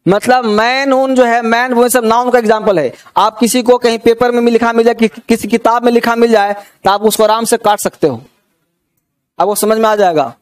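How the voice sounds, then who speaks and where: A man with a high voice leads a grammar class. He keeps asking whether everyone has understood and urges students to write quickly. His English words carry an Indian accent. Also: fairly even intonation, clean tone. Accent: Indian English words in Hindi. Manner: repeats checks for understanding, coaxing students. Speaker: teacher.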